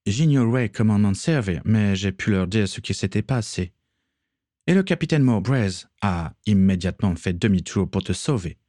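A man's voice: fairly low pitch, expressive, mellow, dry recording, studio quality, natural voice. A man voicing a remorseful, earnest young man in a read-aloud story. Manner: slow, deliberate.

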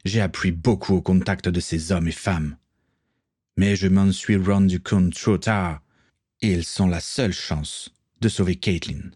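A man's voice: deep voice, fairly even intonation, a little slow, a little mellow. A man reading aloud, voicing a proud young English nobleman who speaks earnestly and heatedly.

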